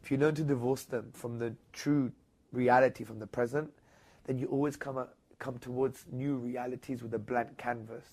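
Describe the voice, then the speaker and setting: A man being interviewed, telling a story in a lively conversational way. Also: normal speed. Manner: animated, rising high when retelling others' words. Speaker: interview guest.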